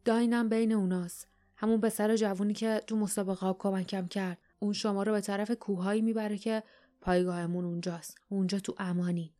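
A woman reading the lines of a gruff, secretive rebel man who talks in a dry, curt way. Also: medium pitch, steady tone, dark tone, close to an everyday voice.

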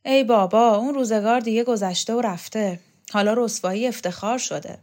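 A woman's voice: on the high side, darkish tone, pitched above the performer's own voice, close to an everyday voice. A woman voicing a weary, bitter old male servant who grumbles in a storybook reading. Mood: exasperated.

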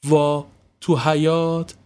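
A male narrator voicing a chatty, house-proud middle-aged hostess with drawn-out exclamations, in a spoken story. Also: a little high, monotone, a little mellow, smooth, voice pushed up, lightly acted. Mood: gossipy.

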